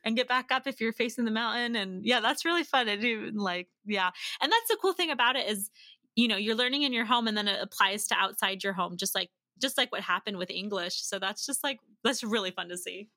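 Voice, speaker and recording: On the high side and a little fast, with a sharp edge, this woman's voice belongs to a language-learning educator guesting on a podcast. She gives casual, practical advice, illustrating it with everyday situations and short performed bits of dialogue.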